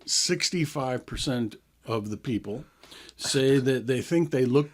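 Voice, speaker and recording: Speaking at a measured pace, a man in his sixties hosts a health radio program in a relaxed, conversational style, laughing now and then as he explains. His mid-range voice is expressive.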